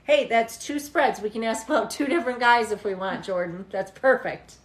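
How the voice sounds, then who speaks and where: This livestreaming tarot reader, a tired woman in her forties, talks casually with viewers as she reads, teasing and laughing a lot. Her voice is on the high side at a normal speed, in a roomy-sounding space.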